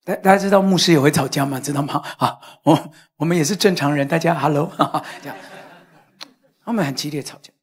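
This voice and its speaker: A middle-aged man delivers a sermon to his congregation. His voice is husky. He tells stories with lively swings from loud to soft. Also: on the high side, fast. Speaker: pastor. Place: church hall, in front of a congregation.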